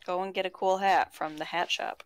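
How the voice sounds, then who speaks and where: A woman's voice: fairly low pitch, steady tone, normal speed, background noise. A woman playing a farming game alongside a friend, teasing him with dry comebacks. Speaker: co-player. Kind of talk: casual gaming chat.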